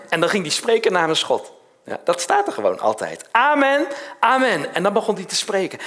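Emphatic preacher man, lively pitch. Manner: emphatic, rhetorical questions with frequent tag "hè?". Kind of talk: sermon.

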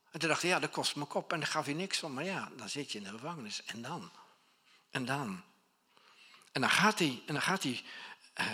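A middle-aged man preaching a conversational, animated sermon as a pastor, often restarting his sentences. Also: mid-range voice, slightly rough.

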